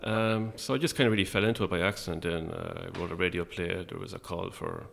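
A man with an Irish midlands accent talking casually and a little hesitantly as an interview guest, in a low-key, wry way. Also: expressive, fast, gravelly, a bit bright, a little hiss or hum. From Longford, Irish midlands.

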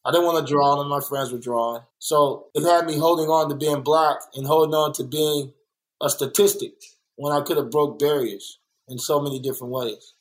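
Man, artist guest from LA; candid storyteller in a casual interview, fairly high voice. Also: normal speed, rough recording. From Los Angeles. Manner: candid, storytelling, animated when quoting others. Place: art workspace.

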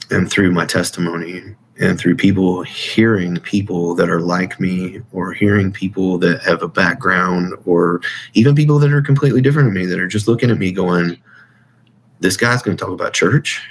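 A deep-voiced man, a military veteran appearing as an interview guest, talks at a moderate pace in a steady tone. His personal testimony is casual, earnest and informal, and he keeps circling back over phrases. The audio is poor, with slight background noise.

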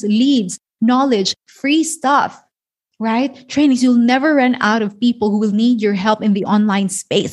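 A woman's voice: fairly high pitch, a little mellow. A woman hosting a solo podcast, talking earnestly and encouragingly, often checking in with "right?". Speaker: podcast host and online business coach. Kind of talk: motivational solo podcast talk.

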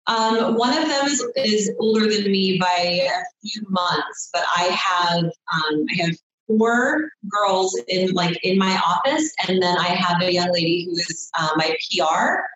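A woman's voice: lowish voice, expressive, measured pace, a bit bright, dull audio. A woman in her thirties, a chiropractor guest on a podcast, chatting casually and rambling with lots of "I mean" and "you know". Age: 30s. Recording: very echoey room.

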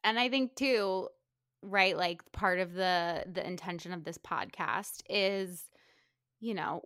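A woman's voice: fairly low pitch, a bit bright, no echo, studio quality. A woman chatting casually as a participant on a podcast. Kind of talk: casual chat.

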